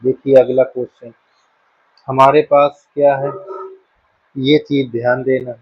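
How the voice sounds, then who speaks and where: A man's voice: medium pitch, little pitch movement, unhurried, husky. A man teaching a school maths lesson, patiently working through counting problems and often checking that students follow. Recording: dull dry lo-fi room sound.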